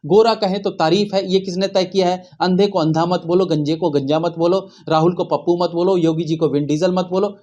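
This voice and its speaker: A man's voice: sits high, steady tone, a little fast, hardly any pauses, warm tone, highs cut off. A man hosting satirical news, with mocking, sarcastic asides.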